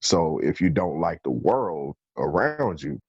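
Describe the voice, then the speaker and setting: A man's voice: extremely low pitch, sing-song, a little slow, darkish tone, breathy edge, dry recording, highs cut off. A man co-hosting a podcast, talking earnestly and reflectively in casual chat, often saying "you know". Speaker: podcast co-host.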